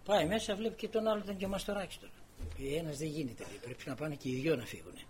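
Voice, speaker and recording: A man's voice: fairly high pitch, a little hiss or hum. An older man preaching a sermon, telling a personal story and acting out the quoted dialogue with many repeated words.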